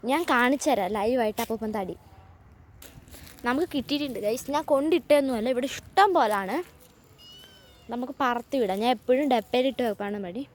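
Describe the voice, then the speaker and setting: A chatty woman with a fairly high voice talks her viewers through her home garden, filming on a phone outdoors. Faint outdoor noise sits under her voice. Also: brisk, long pauses. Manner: chatty, addresses viewers as guys. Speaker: vlogger. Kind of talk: casual vlog walkthrough.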